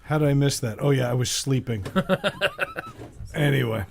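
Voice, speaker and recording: A man's voice: mid-range voice, moderate pace, vocal fry, a little mellow, a little hiss or hum. A man with a New York accent co-hosting a podcast, joking and steering the segments. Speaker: podcast co-host. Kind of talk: casual chat.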